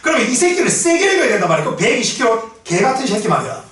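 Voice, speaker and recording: A man teaching an English class in a lecture style, blunt and profane, shouting at times and drilling pronunciation. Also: very high-pitched, sing-song, very fast. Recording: very echoey room from far off.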